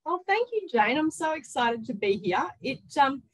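An excited, chatty woman with an Australian accent, telling personal stories casually as an interview guest. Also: high voice, moderate pace, poor audio. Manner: excited, chatty, with quoted self-talk. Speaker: interview guest, author and workplace culture consultant.

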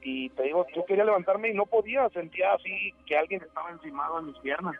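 A man, calling into a radio show and telling a ghost story in a halting, rambling way with many restarts. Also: high-pitched, vocal fry. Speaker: radio caller. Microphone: telephone. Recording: tinny phone line with faint music.

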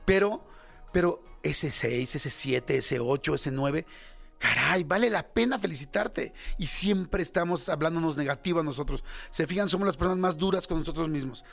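A man's voice: on the high side, normal speed, gravelly, a bit bright, soft background music. Chatty Mexican man in his fifties. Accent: Mexican Spanish. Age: 50s. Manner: candid, self-critical, chatty with many fillers. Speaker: radio host. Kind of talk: casual radio monologue.

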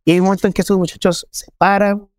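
A man's voice: high-pitched, flat delivery, quick pace, no echo, clean studio sound. Earnest Mexican man recounting his story. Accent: Mexican Spanish. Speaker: journalist giving testimony. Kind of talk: personal testimony interview.

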